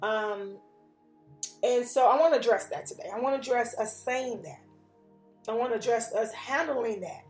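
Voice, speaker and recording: A woman's voice: on the high side, normal speed. A woman hosting a podcast, talking earnestly and emphatically, circling back and repeating her points in a motivational style. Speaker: podcast host. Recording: echoey room with faint music.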